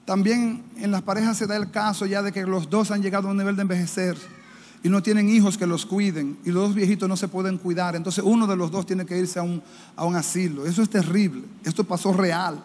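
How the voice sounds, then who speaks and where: A man with a Dominican accent preaches with fervor, his voice sitting high. He jumps into mocking, higher voices when he quotes people. The sound comes from a reverberant church hall with faint room noise behind it. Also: steady tone, a little fast, a little mellow. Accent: Dominican Spanish. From Dominican Republic. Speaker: pastor. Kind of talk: sermon.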